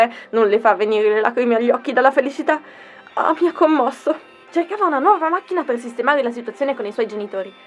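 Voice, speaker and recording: A woman's voice: fairly high pitch, natural voice. A woman playing an overbearing car saleswoman, with theatrical sales patter and constant tag questions. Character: pushy fast-talking female car dealer. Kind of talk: comic audio sketch.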